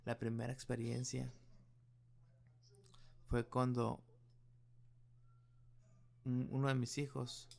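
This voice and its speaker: A man's voice: mid-range voice, gravelly, darkish tone. A middle-aged male pastor preaching a sermon, telling a personal story in an earnest way.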